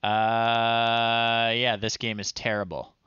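Speaking at medium pitch with little pitch movement, a middle-aged man takes it slowly, his tone sharp yet smooth. He hosts a retro game stream from a small indoor room, close on the mic, reading on-screen text aloud in a wry, off-the-cuff way as he casually commentates. The audio is dull, with no echo.

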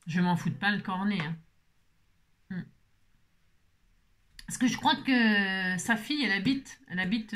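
A woman's voice: lowish voice, fairly bright tone. A woman papercraft vlogger chatting casually as she opens her mail, playful and full of exclamations. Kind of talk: casual chat while opening mail.

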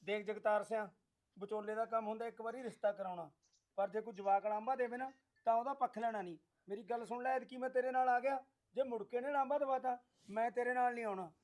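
An actor playing a blunt matchmaker who admonishes the family in a dispute. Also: male voice, very high voice, steady tone, fast, darkish tone. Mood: admonishing.

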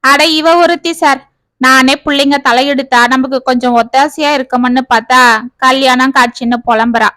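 A woman doing a weary middle-aged shopkeeper father from a storybook, grumbling and resigned. The voice is bright and dry, close to the mic. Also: high-pitched, steady tone, moderate pace, no echo. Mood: pleading. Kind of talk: storybook reading.

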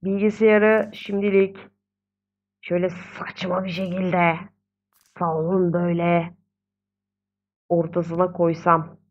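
A woman's voice: on the low side, level tone, takes it slowly, long pauses, lo-fi sound. A young woman casually commenting on her own gameplay. She chats, gets exasperated, and coos at the babies in the game. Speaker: gaming video host.

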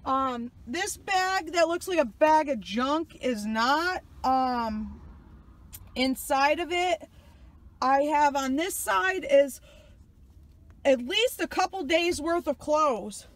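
A woman's voice: high-pitched, lively intonation, slow pace. A woman in her thirties from New York, chatting casually as she gives a video tour of her truck cab, rambling with lots of fillers, recorded on a handheld phone. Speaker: truck driver vlogger. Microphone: phone camera held in hand.

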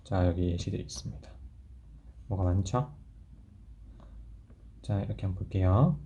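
A man from Korea teaching a language lesson, repeating example phrases slowly and quizzing the listener. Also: low-pitched, mellow, slight background noise.

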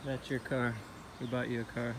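A man's voice: mid-range voice, level tone, moderate pace, over a noisy crowd. A young man chatting casually as a vlogger, talking into a phone held at arm's length. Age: young adult. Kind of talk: casual vlog chat. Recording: slightly noisy phone recording.

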